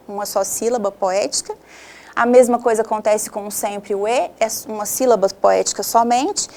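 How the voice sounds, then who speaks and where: A woman's voice: fairly high pitch, darkish tone. Patient Brazilian woman teaching a lesson. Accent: Brazilian Portuguese. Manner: patient step-by-step explaining, checks in with "ok?". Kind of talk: online video lesson.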